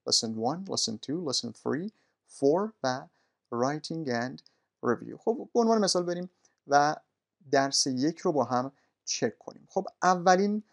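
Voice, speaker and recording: A male language teacher walking students through course materials in a polite, formal way, often pausing with "uh". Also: mid-range voice, creaky. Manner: polite, formal, with frequent "uh" pauses. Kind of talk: recorded course walkthrough.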